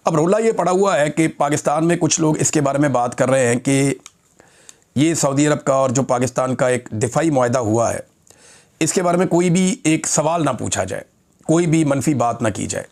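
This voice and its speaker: A man's voice: a little high, moderate pace, darkish tone. A man with a Pakistani Urdu accent giving indignant, impassioned political commentary in a vlog, speaking straight to his viewers.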